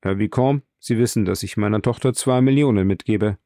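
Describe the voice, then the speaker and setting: A man's voice: lowish voice, a little fast, mellow, dry recording, natural voice. A courteous young viscount, as a male narrator voices him, speaking in a gracious, somewhat absent-minded way. The voice is a little raised, and the audiobook recording is dry and close. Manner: polite, slightly distracted.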